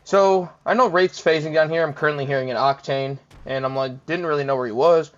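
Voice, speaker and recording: A young man with a fairly high, slightly fast voice gives casual, laid-back commentary over his own gameplay, chuckling often and poking fun at himself. The gaming commentator is recorded on a dull, lo-fi mic.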